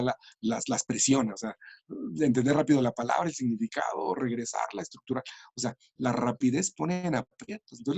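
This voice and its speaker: A man's voice: medium pitch, vocal fry, a little mellow, husky, dry recording. A man explaining language and communication in an interview, thoughtful and full of small restarts. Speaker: education and language researcher.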